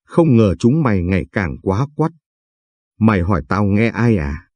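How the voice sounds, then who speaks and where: A man's voice: lowish voice, big pitch swings, moderate pace, a little mellow, no echo. A man voicing a hot-tempered elderly father-in-law who scolds his sons-in-law in long angry tirades. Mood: furious. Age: older.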